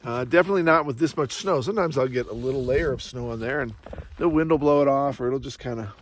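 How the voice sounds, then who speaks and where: A man's voice: medium pitch, quick pace, slight background noise. Breathless man vlogging outdoors in snow. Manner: chatty, talks to his dog between remarks. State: out of breath from the cold. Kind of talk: casual vlog chat to camera. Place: outdoors in snowy mountains beside a travel trailer. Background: dog nearby.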